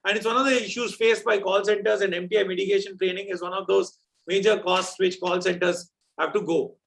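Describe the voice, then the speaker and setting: High-pitched South Indian man hosting a quiz. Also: fairly even intonation, fairly quick, gravelly, a bit bright. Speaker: quiz host. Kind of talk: live quiz hosting, off-the-cuff explanations.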